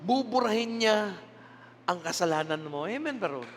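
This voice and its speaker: An older Filipino man preaching a sermon as pastor, telling stories with animated delivery and frequent laughter. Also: high-pitched, normal speed. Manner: animated storytelling, laughs often. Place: church sanctuary. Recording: long hall reverb with music behind.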